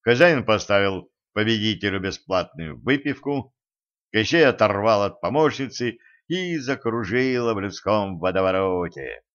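An audiobook reader with a fairly low male voice, narrating in a steady, even way. The recording sounds dull and lo-fi, with the top end cut away. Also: unhurried. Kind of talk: scripted narration.

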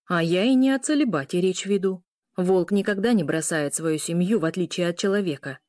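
A woman's voice: lowish voice, fairly quick, darkish tone, no echo, clean studio sound, lightly acted. A woman voicing a stern werewolf uncle in an audiobook, blunt and lecturing.

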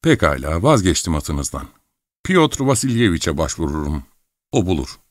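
A man's voice: sits low, sing-song, normal speed, dry recording, clean studio sound. A man voicing a playful, mocking young princess in an audiobook reading. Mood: teasing. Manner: mocking, coquettish.

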